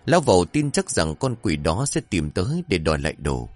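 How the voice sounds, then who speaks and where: Deep-voiced male storyteller. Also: fairly quick, no room sound. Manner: expressive, dramatic. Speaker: narrator. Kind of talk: storytelling narration. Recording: faint music behind.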